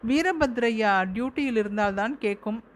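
A woman's voice: a little high, moderate pace, natural voice. A matter-of-fact neighbor woman, as a reader voices her.

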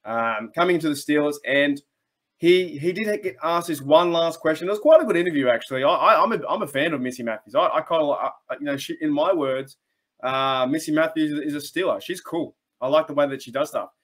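A young Australian man hosting a sports channel talks enthusiastically to his webcam about his team, in a slightly high, brisk voice with a fairly bright tone. He often restarts sentences and drifts into asides, giving loose, casual fan commentary into a desk mic from a small room at home.

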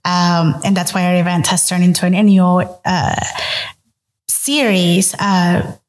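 A woman in her late twenties from El Salvador, speaking as a podcast guest in a measured way with frequent ums and uhs. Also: on the low side, fairly even intonation, big-room sound. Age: late 20s. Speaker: guest, credit union vice president. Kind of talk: podcast interview.

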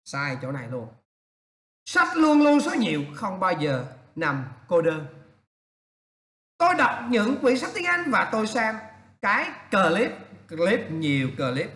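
A male English teacher correcting students' writing aloud, animated and teasing as he points out errors. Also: sits high, slow pace, pauses often, reverberant.

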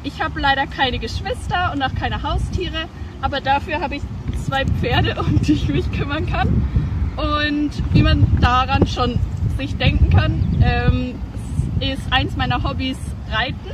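A woman's voice: high voice, measured pace. Teen girl chatting outside, far from the camera, lots of noise. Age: teens. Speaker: student introducing herself. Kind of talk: casual self-introduction. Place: outdoors in a horse paddock.

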